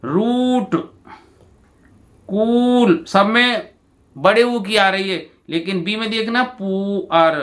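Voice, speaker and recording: A male teacher, going through exam answers and repeating each word slowly to his students. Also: sits high, bright, forceful tone. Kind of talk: exam answer walkthrough lesson.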